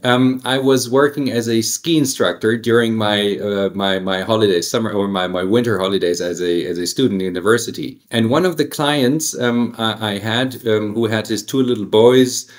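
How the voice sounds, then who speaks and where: A man's voice: on the low side, moderate pace, few pauses. A man with a German accent, a guest attorney in his forties, talking reflectively in a casual interview with many restarts and fillers.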